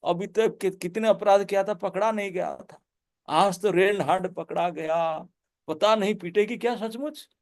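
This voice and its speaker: A high-pitched male monk giving a devotional lecture. He tells the story in an animated way and breaks into laughter now and then. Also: unhurried. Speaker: monk and preacher.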